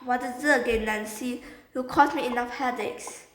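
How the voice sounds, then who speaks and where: A woman's voice: a little high, fairly even intonation, normal speed, close to an everyday voice. A woman playing a tired mother who scolds her child, in an echoey room. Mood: annoyed.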